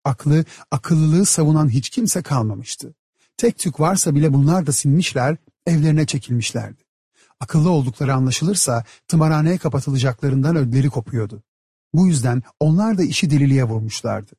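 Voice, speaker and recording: Male audiobook narrator, measured and steady, slightly high, dry close sound. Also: husky, no room sound. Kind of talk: audiobook narration of a satirical story.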